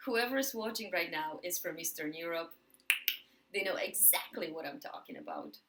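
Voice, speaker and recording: Speaking to camera with a Polish accent, this motivational speaker from Poland hammers her points home by repeating words and slowing down on key phrases. Her voice is fairly low and animated, with background noise behind it.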